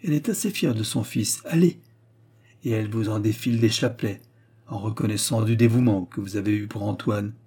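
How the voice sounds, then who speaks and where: A man voicing a proud, talkative forest warden, bright and eager in the reading of a novel. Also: lowish voice, fairly quick, husky. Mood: chatty.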